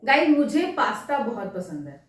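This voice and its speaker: High-voiced woman teaching in an echoey room. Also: big pitch swings, moderate pace, slight background noise. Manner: chatty, asks the class questions. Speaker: French teacher. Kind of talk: classroom lesson. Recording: echoey room, mic far off.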